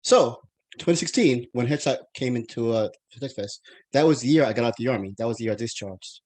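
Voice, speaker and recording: A man's voice: mid-range voice, fast, darkish tone. Rambling American man hosting a podcast. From United States. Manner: rambling, many restarts and fillers. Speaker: podcast host. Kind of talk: casual interview chat.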